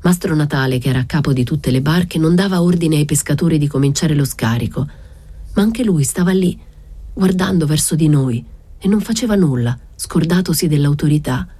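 A woman reading a literary novel aloud in a calm, measured way. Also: low voice, slightly rough, no echo. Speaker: reader.

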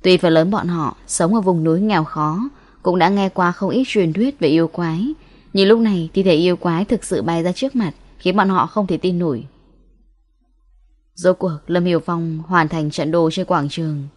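Woman, lowish pitch, late-night radio host manner, scripted story narration. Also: normal speed, darkish tone, no room sound.

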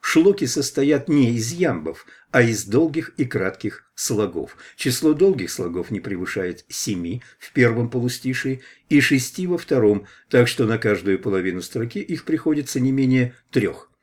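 A man reading a scholarly preface aloud as an audiobook, at a measured pace. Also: mid-range voice, sing-song. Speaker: audiobook reader.

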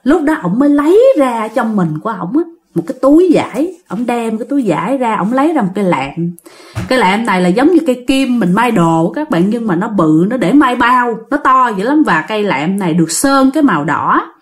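A woman's voice: on the high side, very animated, brisk. A woman with a Southern Vietnamese accent casually telling a ghost story, chatting directly to her listeners.

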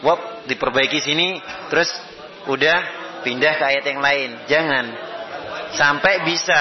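A man's voice: fairly high pitch, a little slow, crowd noise. A man teaching Quran recitation, giving short repeated corrections and modeling sounds for students. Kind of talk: correcting students' pronunciation in class. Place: classroom with students. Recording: muffled classroom recording, group audible.

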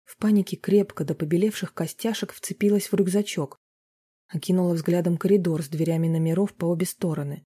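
A narrator reading a romance novel aloud in a steady, even storytelling manner. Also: mid-range voice, fairly quick, husky, no room sound.

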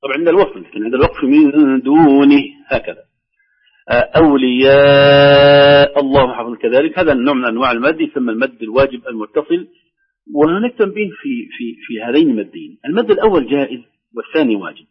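Man teaching Quran recitation, husky. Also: medium pitch, big pitch swings, dull audio. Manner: explains slowly and demonstrates with drawn-out recitation. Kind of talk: tajweed lesson with recited examples.

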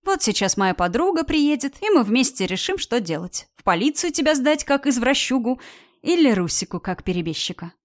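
A woman voicing a loud, bossy, teasing woman of about thirty in an audiobook. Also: high voice, big pitch swings, moderate pace, pitched above the performer's own voice. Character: brash mocking woman around thirty.

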